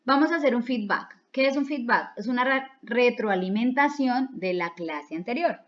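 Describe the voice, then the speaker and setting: A woman's voice: fairly high pitch, animated, normal speed. Patient woman teacher, dull lo-fi sound. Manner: patient, explains each step and repeats key words in two languages. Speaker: English teacher. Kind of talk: recorded online class explanation. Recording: dull lo-fi recording.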